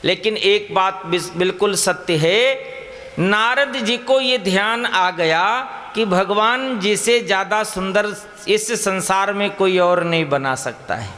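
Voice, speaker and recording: A man preaching a devotional sermon in a slow, explanatory way. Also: sits high, pushed and bright. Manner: slow, explanatory, breaks into chant. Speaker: storyteller preacher. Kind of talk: devotional sermon with sung verses. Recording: long hall reverb, faint music behind.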